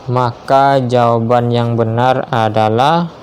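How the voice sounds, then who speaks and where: A man reads quiz questions one option at a time, his delivery slow and measured. His voice sits in a mid register, and each answer is confirmed with a short affirming word. A faint hiss runs under the recording. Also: medium pitch, little pitch movement. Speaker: teacher reading quiz questions.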